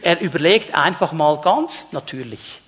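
A man's voice: on the high side, lively intonation, a little slow, a bit bright, husky. A man preaching a sermon to his congregation, emphatic and repeating key words, speaking to the listeners directly. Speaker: pastor.

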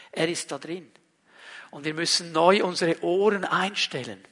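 A man preaching a sermon as a pastor, dramatic, swinging from loud emphasis to hushed near-whisper. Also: high-pitched, big-room sound.

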